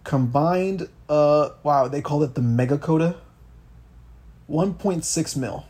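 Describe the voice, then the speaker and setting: A young man with a fairly high yet dark, mellow voice talks politics on a podcast. He rants casually and swears freely, often restarting his sentences as he thinks aloud. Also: slow pace, husky. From Miami, Florida. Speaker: podcast co-host.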